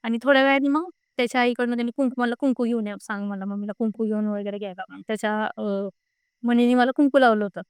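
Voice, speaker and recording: A young woman with a fairly high, racing, clean voice casually recounts a frightening ghost experience of her own as a guest, animatedly retelling what everyone said in repeated quoted bits. The recording is clean studio sound with no room noise.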